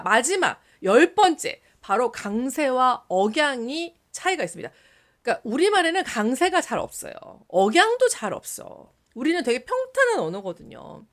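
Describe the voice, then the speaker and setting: A woman teaching an English lesson in a casual video, lively, switching between polite and casual speech and sounding out example words. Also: high voice.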